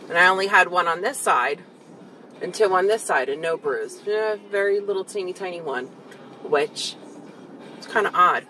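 A woman in her thirties with a sore, swollen, partly numb jaw, giving a casual, halting vlog update from inside a car. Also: fairly low pitch, animated, sharp tone. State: swollen, numb, sore jaw after wisdom tooth removal. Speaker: vlogger. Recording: distant mic, faint vehicle noise. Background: faint car and outdoor noise.

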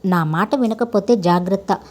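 A woman voicing a jealous, hot-tempered young village man in a told story, giving gruff commands with a mellow tone. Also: mid-range voice, normal speed, lightly acted. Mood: angry.

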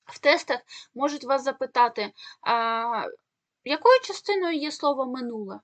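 A woman teacher from Ukraine explaining grammar in an exam-prep lesson, asking rhetorical questions and pausing on fillers. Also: high voice, animated, no echo.

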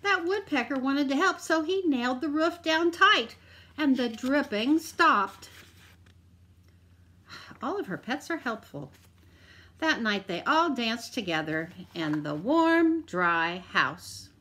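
A woman teacher reading a picture book aloud to children, expressive, with drawn-out emphasis and asides to her listeners. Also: sits high.

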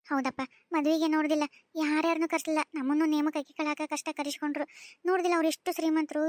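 A woman's voice: high voice, no echo, studio quality, natural voice. A woman voicing a doting older village mother with a North Karnataka accent, tearful and pleading, in a cartoon. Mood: gentle. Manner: pleading, emotional. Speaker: voice actor. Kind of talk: cartoon voice acting.

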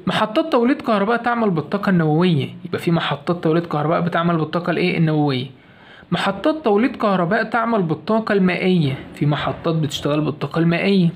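A man's voice: high voice, expressive, racing. A man with an Egyptian Arabic accent teaching a science lesson, asking questions and answering them himself. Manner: asks questions and answers them himself, repeats key points. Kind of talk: fast classroom lesson explanation.

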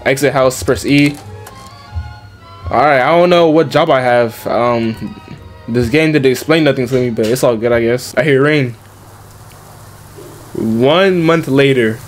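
A man giving casual let's-play commentary, talking in slang and reacting out loud to the game. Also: medium pitch, a little slow, pauses often, soft background music. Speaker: gaming YouTuber.

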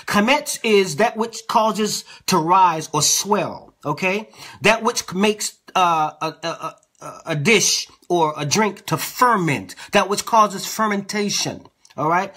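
A male preacher teaching a sermon with a lively, swinging pitch. His voice is bright and a little husky. He reads scripture and keeps checking in with his listeners. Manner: conversational, checks in with the listeners often. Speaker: apostle, preacher.

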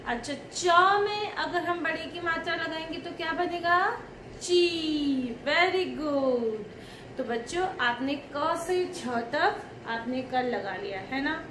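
A woman's voice: high-pitched, a little slow, few pauses, background noise. A woman teacher giving a lesson to young children, drawing out each syllable and repeating sounds for the class to copy. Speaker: kindergarten teacher.

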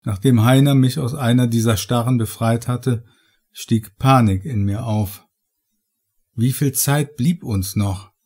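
Man, horror audiobook narrator, measured dramatic reading, mid-pitched voice. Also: mellow. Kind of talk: scripted first-person horror audiobook narration.

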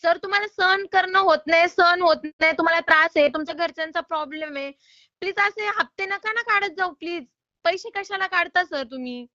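A woman's voice: very high voice, brisk, pushed and bright, no room sound, lo-fi sound. A woman calling to collect a loan payment, polite but insistent and exasperated. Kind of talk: phone call.

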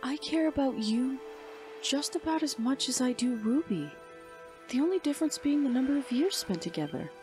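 A woman voicing a warm, earnest teenage girl huntress, speaking softly and heartfelt in a fan fiction reading. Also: high-pitched, lively intonation, moderate pace, soft background music, voice pushed up. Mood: tender. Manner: soft, pleading, heartfelt.

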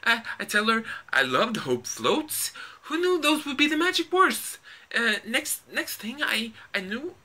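A man's voice: very high-pitched, very animated, unhurried, bright, forceful tone, full character voice. A young man from Norway with a Norwegian accent performs a stage monologue as a panicky young man, stammering and repeating words as he confesses in a rush. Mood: frantic. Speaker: acting student. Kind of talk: theatre monologue audition.

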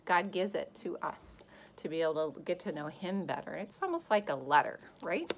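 A woman in her thirties leading a kids' Bible lesson to the camera, gasping and exclaiming with exaggerated excitement for children, recorded at arm's length in a small wood-paneled room. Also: on the low side, moderate pace, vocal fry, a little hiss or hum. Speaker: children's church teacher.

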